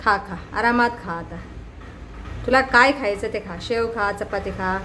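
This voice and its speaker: A woman's voice: medium pitch, measured pace, bright, forceful tone, a little hiss or hum. A middle-aged woman narrating a casual home vlog, chatty and coaxing. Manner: chatty, coaxing, mixes Marathi with Hindi and English. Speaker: family vlogger.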